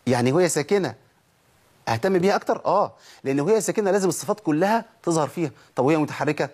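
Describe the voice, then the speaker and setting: Husky Egyptian man, quick-talking, recitation teacher, demonstrates sounds. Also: a little high, expressive, darkish tone. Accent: Egyptian Arabic. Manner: explains step by step, demonstrates letter sounds slowly. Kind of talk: tajweed lesson.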